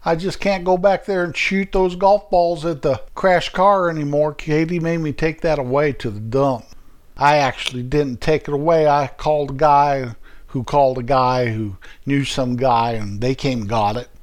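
High-voiced old guy rambling on, folksy homespun storytelling. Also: fairly even intonation, moderate pace. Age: older. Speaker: retired shop owner telling his story. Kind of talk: folksy comic monologue.

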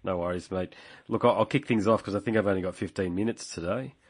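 A man's voice: lowish voice, fast, husky. A man with an Australian accent hosting a casual interview, talking in a matey, slangy way like an Aussie tradesman. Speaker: podcast host, interviewer.

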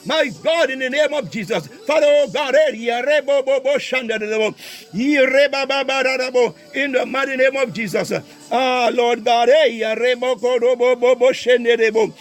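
A man leading a fervent prayer, piling up invocations, breaking into tongues and shouting at times. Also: very high-pitched, soft background music. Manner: rapid repeated invocations, speaking in tongues, bursts of shouting. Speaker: prayer leader.

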